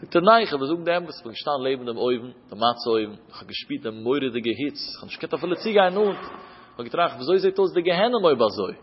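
A man's voice: mid-range voice, animated, quick pace, slight background noise. A man giving a religious sermon, telling stories with emphatic swings of his voice. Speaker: preacher. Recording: reverberant, dull lo-fi recording.

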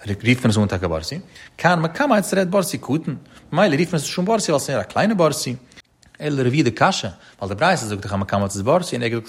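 A man giving a Talmud study lecture in a rapid, chanting delivery with frequent rises and falls. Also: mid-range voice, slightly rough. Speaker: Talmud teacher.

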